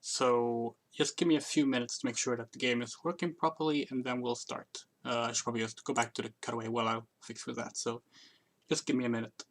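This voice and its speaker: With game music playing behind, a voice of medium pitch and steady tone moves at a quick pace. The speaker is a game streamer and channel host, giving rambling, explanatory livestream commentary in a casual, hesitant way.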